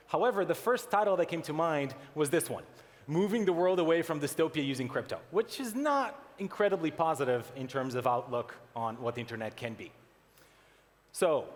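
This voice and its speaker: Guy from portugal doing a keynote on stage, bit higher voice, big echoey hall. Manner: animated, reads out mock headlines. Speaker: conference speaker. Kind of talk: keynote talk. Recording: long hall reverb.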